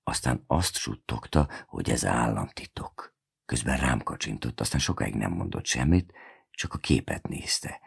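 A man narrating a novel in the first person, with a measured, unhurried storytelling manner. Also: very deep voice, expressive, gravelly, slightly rough. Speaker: audiobook reader.

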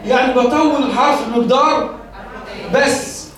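High-voiced Egyptian man lecturing in an echoey room. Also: moderate pace, a bit bright. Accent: Egyptian Arabic. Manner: explains step by step, asks rhetorical questions and answers them. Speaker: teacher trainer. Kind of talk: lecture on teaching children to read. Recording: very echoey room, mic far off.

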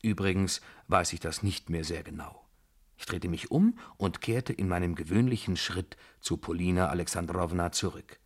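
Brief: male narrator, lower pitch, calm and measured storytelling from a novel. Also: slightly rough.

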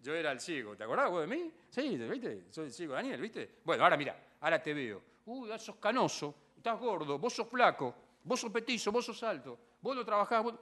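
A man's voice: high-pitched, a little fast, few pauses, voice pushed up, heavily acted. A man with a Rioplatense accent playing a healed blind man who chatters eagerly, teasing the people he can now see. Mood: excited. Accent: Rioplatense Spanish. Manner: excited, teasing, rattling off remarks.

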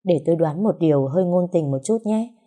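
A woman's voice: fairly low pitch, fairly quick. A woman reading a first-person story aloud and voicing all the characters' lines herself. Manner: reads every character's lines herself, lively in dialogue. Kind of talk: first-person audiobook narration.

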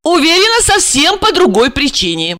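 A woman voicing a frightened, accusing young wife with a shrill, tearful manner. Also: wildly swooping pitch, moderate pace, pushed and bright, no room sound, clean studio sound, heavily acted. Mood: bitter accusing.

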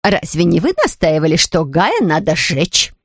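A woman voicing a stern, sharp-tongued housekeeper who speaks curtly. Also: on the low side, sing-song, moderate pace, no room sound, clean studio sound. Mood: tart. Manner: curt, tart.

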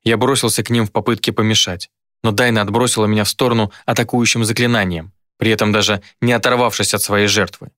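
A man reading a dark fantasy story aloud in a measured, grave first-person narration. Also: fairly low pitch, steady tone, no room sound, studio quality.

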